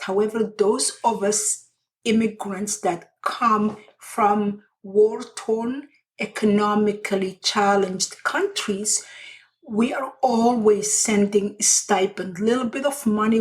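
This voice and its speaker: A middle-aged woman from Somalia, hosting a personal storytelling podcast in an earnest, unhurried way with pauses and restarts. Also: medium pitch, darkish tone, low-quality recording. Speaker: podcast host.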